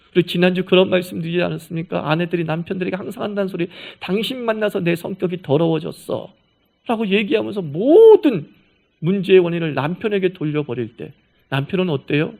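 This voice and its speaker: A man preaching a Sunday sermon as pastor, talking to his congregation in plain everyday words, asking them questions and acting out the quoted lines in a gentle, homely voice. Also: high-pitched, gravelly. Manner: asks the congregation rhetorical questions. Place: church sanctuary.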